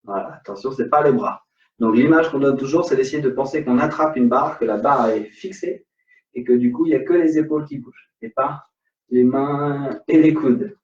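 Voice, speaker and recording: A man with a French accent and a mid-range, darkish voice at normal speed teaches an online salsa class, counting beats and singing rhythm syllables. He's in a dance studio, and the recording sounds roomy, distant, and dull.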